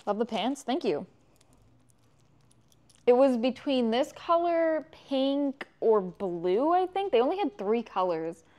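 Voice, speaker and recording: A woman streamer chatting casually with her viewers while building something, swearing freely and reacting out loud. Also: high voice, big pitch swings, slow. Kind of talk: casual livestream chat.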